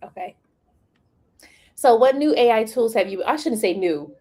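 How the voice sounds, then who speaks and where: Sassy, animated woman hosting a live chat. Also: a little high, measured pace, husky. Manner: animated, sassy, acts out quotes. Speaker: host.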